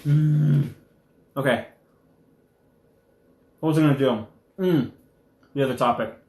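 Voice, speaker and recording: A young man hosting a casual live stream, rambling and animated, sometimes talking with his mouth full. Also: mid-range voice, takes it slowly, roomy sound.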